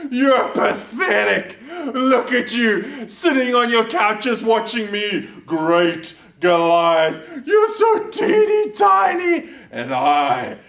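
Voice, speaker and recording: A man playing a boastful, hungry giant warrior in a church storybook reading, booming and taunting with loud laughs. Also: big pitch swings, very slow, gravelly, heavily acted. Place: church room. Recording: roomy sound from a distant mic.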